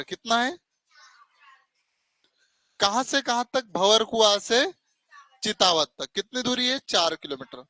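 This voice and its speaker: Male coaching teacher, strict and scolding, high-pitched and sharp. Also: no echo, rough recording. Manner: stern, scolding, calls students 'beta', asks 'hai na?'. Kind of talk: classroom math lesson. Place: classroom with students and online viewers.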